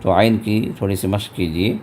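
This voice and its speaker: A man teaching a tajweed lesson, patiently explaining step by step and chanting verses slowly and drawn out. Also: fairly low pitch, steady tone, darkish tone, slight background noise. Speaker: Quran recitation teacher. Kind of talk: tajweed lesson with recited examples.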